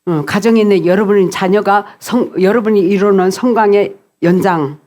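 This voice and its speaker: A man's voice: sits high, normal speed, darkish tone. A man interpreting a sermon live, hesitant, with fillers and restarts as he catches up.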